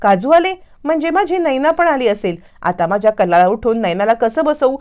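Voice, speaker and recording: A woman's voice: fairly high pitch, lively intonation, moderate pace, darkish tone, pitched above the performer's own voice, close to an everyday voice. A woman voicing an anxious mother urging her daughter to go through with a wedding. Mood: urgent. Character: worried mother scheming to save family honor.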